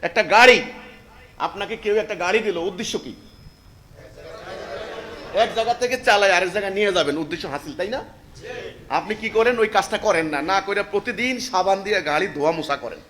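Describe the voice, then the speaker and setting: A man preaching a sermon, firing off rhetorical questions and swinging from low, quiet asides to shouted emphasis.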